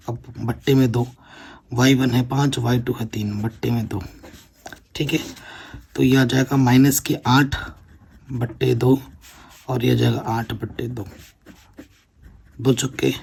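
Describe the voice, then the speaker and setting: A man's voice: mid-range voice, fairly even intonation, measured pace, vocal fry, long pauses, a little mellow, slightly rough. A man teaching a board-exam maths lesson, working through problems step by step and often checking that the students follow. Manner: explains step by step, keeps checking with "theek hai na".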